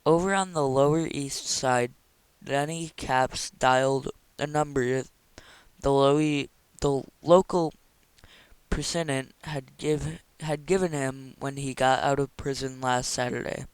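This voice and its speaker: A man reading a novel chapter aloud in a steady, even narration. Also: medium pitch, slow, smooth, dry recording, rough recording. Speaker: audiobook reader.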